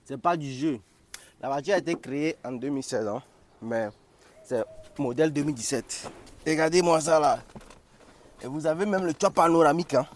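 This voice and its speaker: A man's voice: a little high, normal speed, long pauses, a little hiss or hum. A man with a Cameroonian accent, chatting and joking through a casual car review while driving. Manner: chatty and joking, shows features as he goes. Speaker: car vlogger.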